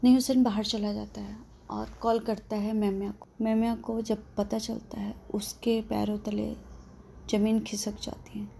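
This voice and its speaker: Brief: woman storyteller, chatty, mellow tone. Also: medium pitch, flat delivery, unhurried, vocal fry, a little hiss or hum. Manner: conversational, with frequent restarts. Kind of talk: casual story narration.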